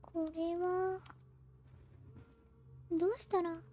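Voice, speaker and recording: Very high, mellow female game streamer. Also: little pitch movement, slow. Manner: soft thinking aloud, short musing phrases. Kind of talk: casual, musing game commentary.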